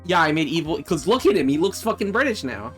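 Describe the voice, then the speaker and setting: Young male streamer, playful and sweary, slightly high voice, soft music under him. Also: very animated, quick pace. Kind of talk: casual gaming stream, reading game lines aloud.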